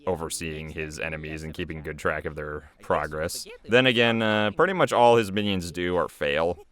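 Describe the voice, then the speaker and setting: Deep, steady, and fairly bright, this American man talks at a moderate pace. A creator and voice actor from the United States, he rambles casually through commentary on his own video, poking fun at himself along the way.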